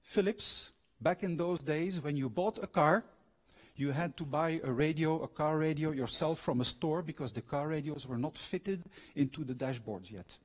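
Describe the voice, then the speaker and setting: With a slightly high voice carrying a breathy edge, the middle-aged man talks at normal speed. He is Belgian-born but raised abroad, a former factory manager turned trained coach, and in a university lecture hall he gives a public talk full of personal anecdotes and questions for listeners.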